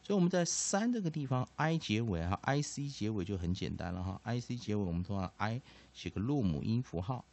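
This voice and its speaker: A man teaching English pronunciation, full of filler particles and slow repeated sounds. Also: on the low side. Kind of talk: classroom-style explanation.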